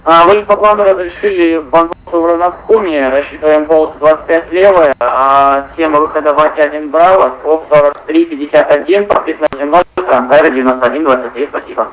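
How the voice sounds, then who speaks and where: A man's voice: on the high side, fairly even intonation, fast, few pauses, highs cut off, slight background noise. A man playing a virtual airline pilot, talking on a cockpit headset mic in clipped radio phraseology with brief hesitations. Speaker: virtual airline pilot on a flight-sim network. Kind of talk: radio phraseology with air traffic control.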